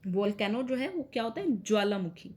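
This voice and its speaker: A woman's voice: mid-range voice, expressive, a little fast, a little mellow. A woman teacher patiently explaining a textbook story to students, with frequent hesitant fillers. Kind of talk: bilingual classroom explanation.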